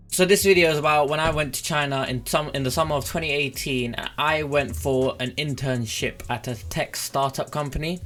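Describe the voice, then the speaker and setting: A man's voice: medium pitch, fairly bright tone. A young British man in his twenties telling stories casually and informally to camera, speaking close into a desk mic. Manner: informal, chatty, mildly sweary. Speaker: vlogger. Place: small room at home, indoors. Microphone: close desk mic with foam cover on a boom arm.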